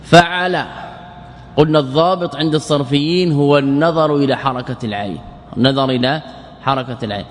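A man teaching a lesson on Arabic morphology, slowly drilling verb patterns and quizzing his students. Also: on the high side. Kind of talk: classroom lecture explaining verse. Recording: hall reverb with faint ambience.

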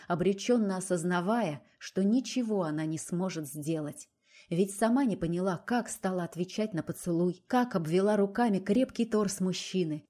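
A woman reads a romance novel aloud in a low, mellow voice. Her delivery is even and measured, scripted narration with a calm, warm tone. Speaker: audiobook narrator.

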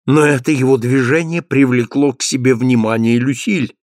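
A man narrating an audiobook of a classic novel in a steady, measured reading voice. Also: medium pitch, no room sound, studio quality.

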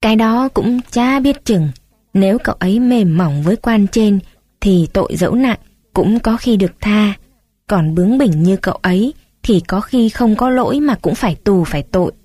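A woman's voice: mid-range voice, lively intonation, normal speed, mellow, dry recording, natural voice. A woman voicing an older male village chief who grumbles and scolds in a blustering way. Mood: scheming, cautioning.

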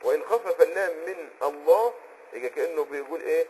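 Very husky Egyptian man teaching. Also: fairly high pitch, animated, warm tone, rough recording. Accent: Egyptian Arabic. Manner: conversational, often pauses on a filler word while hunting for a term; checks on the listener with quick asides. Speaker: Islamic jurisprudence teacher. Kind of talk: explanatory lesson on a text.

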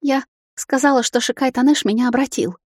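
Lady doing a teary scared vampire girl, high and whimpery, dry close sound. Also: normal speed, darkish tone, no echo. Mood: sobbing. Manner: tearful, whimpering. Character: young female vampire, frightened and sobbing.

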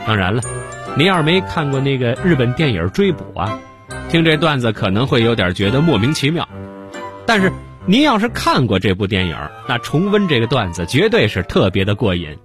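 A man's voice: medium pitch, big pitch swings, brisk, over music. A man hosting a radio program, chatting directly to listeners and introducing a comedy piece. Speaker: radio host.

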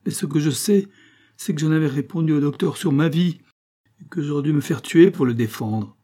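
A man reading aloud, voicing a desperate middle-aged farmer who breaks into anguished, loud outbursts. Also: fairly high pitch, moderate pace, voice pushed up, lightly acted. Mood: frantic.

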